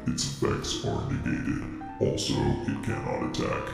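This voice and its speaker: A man voicing a huge ancient male titan with a gravelly, pitched-down voice, processed with reverb, delay and chorus, reading slowly and weightily. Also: music in the background. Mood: commanding. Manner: slow, weighty card-reading delivery. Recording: heavy added reverb, long echo tail.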